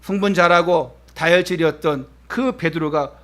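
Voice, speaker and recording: A pastor, a man, preaching a Sunday sermon at a church service. He asks the congregation direct questions, and his delivery swings from emphatic lines to hushed, soft phrases. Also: a little high, expressive, moderate pace.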